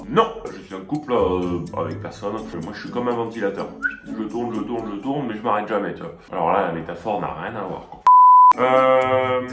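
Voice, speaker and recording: Young male YouTuber, fairly deep voice, laid-back chatty delivery, roomy echo with faint music behind. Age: 20s. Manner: chatty and relaxed, addresses viewers directly. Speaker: YouTuber answering fan questions. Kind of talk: casual chat.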